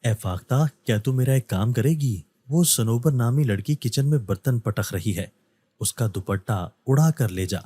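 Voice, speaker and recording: A man's voice: medium pitch, animated, dark tone, breathy edge, dry recording. A male narrator reading the lines of a mischievous young student, with a teasing, mocking manner. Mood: wistful.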